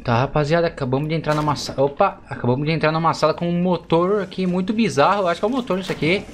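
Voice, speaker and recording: Excitable man playing a game. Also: fairly high pitch, racing, a little hiss or hum. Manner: excitable, chatty, addresses viewers. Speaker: gaming YouTuber. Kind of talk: let's play commentary.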